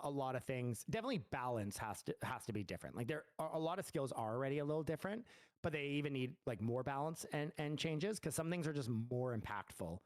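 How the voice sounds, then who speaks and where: Guy at mid pitch chatting loosely, lots of ums and likes, dry sound. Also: a little mellow, no echo. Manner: loose and rambling, full of fillers and restarts. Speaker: game studio founder answering community questions. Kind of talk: casual livestream Q&A.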